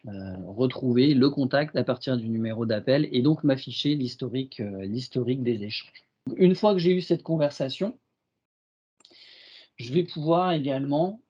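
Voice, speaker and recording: A man with a French accent presenting a software demo in a webinar, hesitant and full of fillers and restarts. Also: mid-range voice, lo-fi sound.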